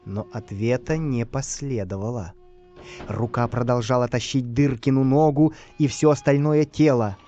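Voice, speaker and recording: A man reading a bedtime story aloud in an expressive, lively way. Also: mid-range voice, moderate pace, dull audio, faint music behind. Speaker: narrator.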